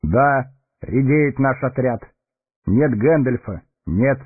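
A man's voice: mid-range voice, animated, slow pace, husky, no room sound, pitched above the performer's own voice. A man voicing a noble, brave male warrior heir with a solemn, dignified manner. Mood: grave. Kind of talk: audiobook character voice. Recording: tinny narrow-band recording, faint music.

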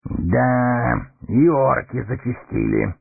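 A man voicing a proud, blunt male horse-lord captain in a gruff, gravelly, husky audiobook character voice. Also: fairly high pitch, lively intonation, moderate pace, pitched above the performer's own voice, exaggerated voice. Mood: earnest. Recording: tinny narrow-band recording, faint music.

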